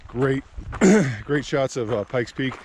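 A middle-aged man talking casually while hiking a mountain trail, speaking to a handheld action camera in a relaxed, rambling way with fillers. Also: mid-range voice, slow, background noise. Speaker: hiking vlogger. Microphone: action camera held at arm's length.

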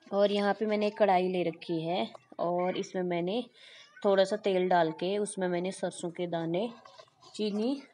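Mellow-voiced woman cooking vlogger. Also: fairly low pitch. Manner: chatty, addresses viewers as friends. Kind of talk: casual recipe walkthrough voice-over. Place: home kitchen.

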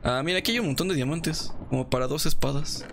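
A young man with a Mexican accent giving excitable, slangy commentary while playing a game and laughing often. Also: fairly high pitch, fast, vocal fry, background noise. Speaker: gaming video creator. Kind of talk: casual gameplay commentary.

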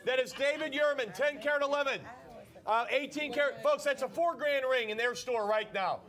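Rapid and repetitive, this high-voiced shopping host pitches products again and again, calling on viewers to holler "sold."

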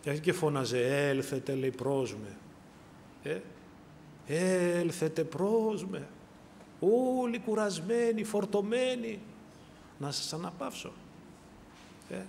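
A male preacher giving a sermon, swinging from hushed, quiet passages to raised, pleading appeals, repeatedly calling out to the brethren. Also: a little high, vocal fry, long reverb tail, slight background noise.

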